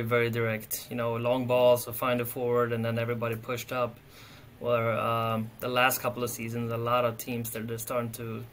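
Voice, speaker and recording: A man in his thirties from Sweden, speaking English with a Swedish accent as a soccer coach, relaxed and often repeating words while he thinks, on a video call from an office. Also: mid-range voice, slight background noise. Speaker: head soccer coach, guest. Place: office with window. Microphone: webcam on video call.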